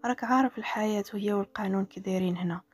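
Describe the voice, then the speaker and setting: A woman voicing a tired young man with a Moroccan accent who speaks softly, close to a whisper. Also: mid-range voice, racing, slightly rough, faint music behind, natural voice. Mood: calm.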